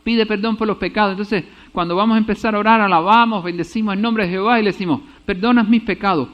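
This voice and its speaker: A man's voice: sits high, steady tone, quick pace, highs cut off. A man preaching a sermon as pastor, often checking in with the congregation and saying amen. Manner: preaches with rhetorical checks and repeated amens.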